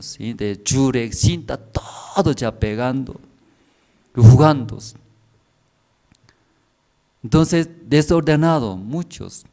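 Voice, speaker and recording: A middle-aged Korean man preaching a sermon as pastor in broken Spanish with a Korean accent, telling family stories, checking in with listeners and swinging between soft and loud. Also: medium pitch.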